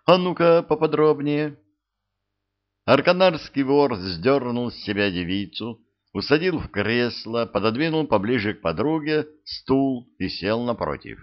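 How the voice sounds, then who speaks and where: A man narrating an audiobook in measured storytelling. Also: mid-range voice, sing-song. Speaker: audiobook reader. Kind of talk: scripted narration. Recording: dull lo-fi recording.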